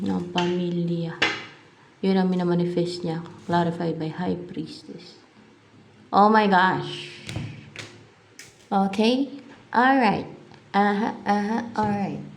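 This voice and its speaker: A woman with a low, gravelly voice gives a tarot reading to her viewers in a loose, chatty way, thinking aloud as she turns the cards. She drops English words in as she goes. A faint hiss of noise runs under the recording. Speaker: tarot reader.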